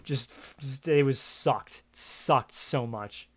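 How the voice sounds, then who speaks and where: A man's voice: mid-range voice, slow pace, breathy edge. A man streaming a video game, chatting casually into a gaming headset from his home setup, rambling with plenty of fillers and frequent swearing. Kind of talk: casual livestream chat.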